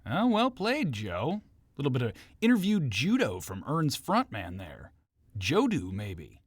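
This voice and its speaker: A man's voice: medium pitch, wildly swooping pitch, measured pace, husky, no room sound, clean studio sound. A male interview host reading playful scripted questions in a jokey, theatrical manner.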